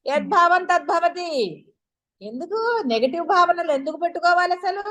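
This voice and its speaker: A woman with a high voice leads a spiritual discourse. She keeps posing rhetorical questions and talks straight to her listeners. Her manner stays chatty and coaxing. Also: normal speed, bright, forceful tone. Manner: addresses listeners directly. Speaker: spiritual teacher.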